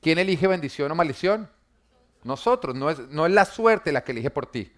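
A man, preaching an emphatic sermon that swings between loud and quiet, full of rhetorical questions and humor for the congregation. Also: on the high side, lively intonation, moderate pace. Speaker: pastor.

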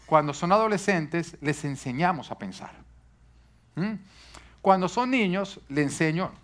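A man whose voice is a little high and expressive preaches slightly slowly to a live congregation. His sermon on parenting is earnest teaching sprinkled with rhetorical questions to the audience.

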